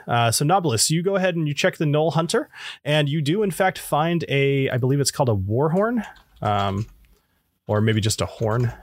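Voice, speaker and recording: Animated man running a tabletop game. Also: medium pitch, no echo. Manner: informal, conversational narration. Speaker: game master.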